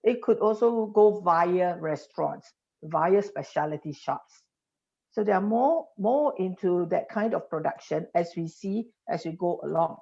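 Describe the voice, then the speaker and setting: Low-pitched, gravelly and dark-toned, this Singaporean woman speaks unhurriedly with lively intonation. As an industry guest on a podcast interview, she explains by piling up examples with frequent restarts. The podcast audio is dull and lo-fi.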